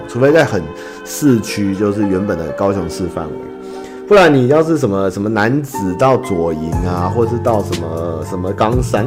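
A man with a Taiwanese Mandarin accent hosts a casual podcast, answering listener letters as a rambling, self-mocking storyteller. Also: fairly low pitch. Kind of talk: casual chat.

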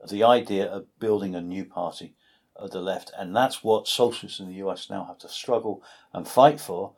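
A man's voice: deep voice, normal speed, darkish tone. A man speaking as a podcast guest, giving earnest, emphatic political analysis and repeating his phrases.

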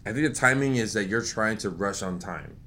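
A young man in casual chat, animated and profane, acting out what people say. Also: fairly low pitch, brisk, slight background noise. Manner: animated, swearing, acts out quotes.

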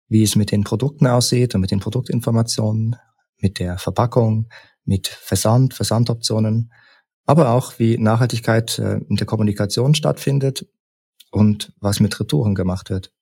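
A man from Leipzig, a researcher and lecturer, calmly explaining study results point by point as a podcast guest. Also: lowish voice, breathy edge. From Leipzig, Germany. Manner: measured, structured, lists points in order. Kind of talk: explanatory interview talk.

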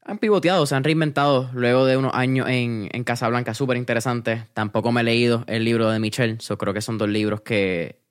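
Man, podcast host, relaxed casual interview talk, english words mixed in, medium pitch. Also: a little fast, few pauses.

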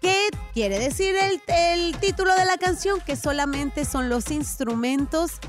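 A woman hosting a radio gossip segment, chatting in an expressive, teasing way. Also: high-pitched, measured pace, music in the background. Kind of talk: conversational celebrity gossip report.

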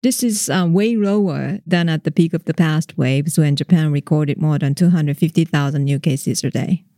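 A reporter guest on a news podcast, explaining the facts in a measured way with small hesitations. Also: medium pitch, warm tone, no echo, studio quality.

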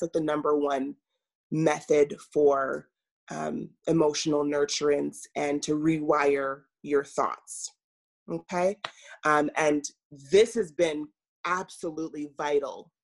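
A woman coach speaking as an interview guest, measured and earnest, pausing often with fillers. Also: low voice. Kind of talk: reflective interview talk.

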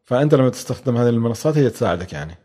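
A man speaks very quickly in an interview. His voice is dark and mellow. He stops and restarts often, with plenty of fillers between words. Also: medium pitch, expressive. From Oman. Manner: fast, hesitant, many fillers and restarts. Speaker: guest, venture capital expert. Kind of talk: conversational interview answers.

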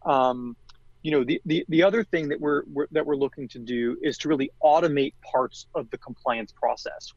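A man's voice: medium pitch, no echo, highs cut off. A man being interviewed as a marketing executive, talking in a conversational way with many fillers and restarts.

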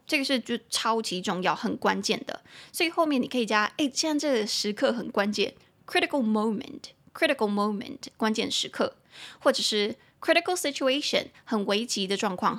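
A woman hosting a casual podcast lesson, translating phrase by phrase and spelling words letter by letter, chatty and quick to joke. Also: on the high side, fairly bright tone. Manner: chatty and joking, laughs easily. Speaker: English teacher and podcast host.

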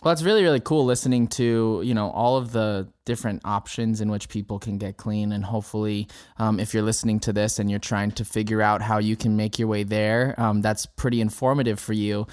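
A man's voice: lowish voice, fairly even intonation, fairly quick, few pauses, darkish tone, clean tone, no echo, studio quality. A man hosting a podcast, asking long, earnest, winding questions. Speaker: podcast host. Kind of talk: casual interview talk.

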